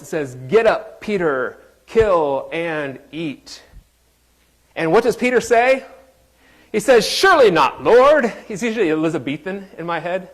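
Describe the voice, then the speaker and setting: Pastor guy giving a sermon, chatty and jokey, keeps asking the church questions. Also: on the high side. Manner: conversational, joking, quizzes the congregation.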